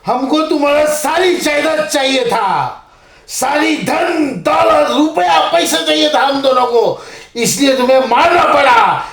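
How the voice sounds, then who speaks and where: A man's voice: extremely high pitch, creaky, a bit bright, reverberant, full character voice. A man playing a greedy, cruel elder brother who gloats over poisoning his sibling for the family fortune. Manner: gloating and hurried.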